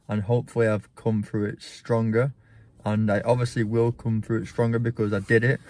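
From inside a parked car, a church vlogger speaks earnestly into a phone camera at arm's length, filling pauses with frequent ums. His voice is mellow and fairly low in pitch, suited to this reflective vlog.

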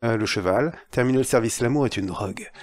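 A man's voice: medium pitch, fast talker, a little mellow. A man hosting a let's play, joking and bantering casually while he plays. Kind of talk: casual gameplay chat.

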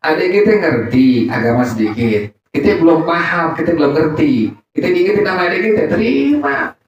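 A man leads a religious study sermon at a middle pitch, casual and colloquial, drops in Arabic quotations and asks the congregation questions for them to answer back. He sits well back from the microphone in a very reverberant space, and the recording is dull and muffled, with faint noise underneath. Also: big pitch swings, normal speed. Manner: quizzes the congregation in call-and-response. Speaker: Islamic teacher. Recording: echoey distant dull recording.

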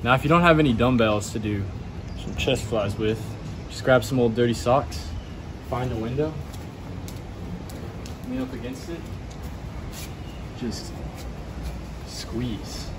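A man's voice: mid-range voice, slow pace, pauses often. A young man with a goofy, teasing manner, talking viewers through exercises. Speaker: workout vlogger. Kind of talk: joking workout demo. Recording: music playing underneath. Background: background music.

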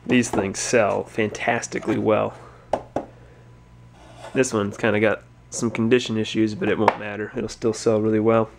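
A resale store owner muses aloud while sorting totes in a cluttered stock room for a casual narrated unboxing vlog shot on a handheld or head-mounted camera. His voice is fairly low and gravelly, level in tone, at a moderate pace, with background noise.

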